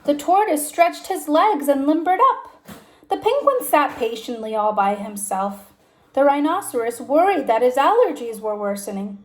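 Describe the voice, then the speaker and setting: Woman, teacher, high-pitched, animated melody, expressive children's story reading, emphasized phrases. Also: normal speed. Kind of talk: children's storybook read-aloud.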